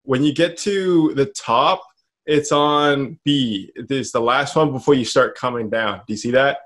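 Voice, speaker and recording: A man's voice: mid-range voice, a little slow, fairly bright tone. A man teaching a one-on-one instrument lesson, casual and patient, calling out counts and notes with easy encouragement. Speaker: music teacher. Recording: instrument playing behind the voice.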